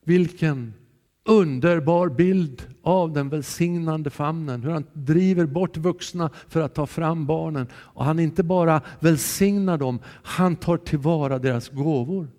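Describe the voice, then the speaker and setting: A man giving a sermon in a church, earnest and calm, sometimes dropping soft and sometimes raising his voice. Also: fairly high pitch. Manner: calm, earnest, shifting between soft and raised voice. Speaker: preacher. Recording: long hall reverb from a church.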